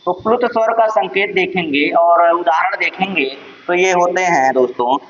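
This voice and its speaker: A man's voice: high voice, normal speed, fairly bright tone, slight background noise. A male teacher with a Purvanchal Hindi accent giving an exam-prep lesson on Sanskrit sounds. He keeps asking his own questions and answering them. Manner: addresses viewers as friends, asks and answers his own questions. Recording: dull lo-fi sound.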